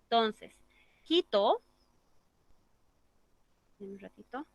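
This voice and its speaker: A woman's voice: on the high side, animated, drawn-out words, vocal fry, dry recording, muffled recording. A woman teaching an English grammar class, explaining step by step and checking in with the class through tag questions. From Bolivia.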